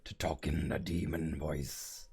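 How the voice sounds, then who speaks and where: A man's voice: level tone, slow, darkish tone, exaggerated voice. A male streamer talking in a demonic voice, with stiff, formal wording. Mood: stiffly formal. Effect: demonic voice, deep and gravelly. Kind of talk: casual live-stream chat.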